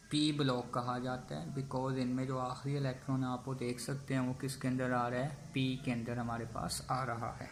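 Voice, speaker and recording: A man with a Pakistani Urdu accent teaching chemistry, slowly chanting memory phrases syllable by syllable. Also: mid-range voice. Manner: slow, even delivery, chants mnemonic phrases syllable by syllable. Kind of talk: classroom-style lesson with memory tricks. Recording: echoey room, faint background hum.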